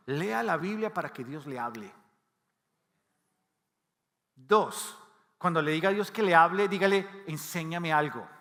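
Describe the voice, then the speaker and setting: A Latin American pastor with a high, bright voice preaches a sermon and keeps asking the congregation questions. His voice carries a long reverb from the church hall.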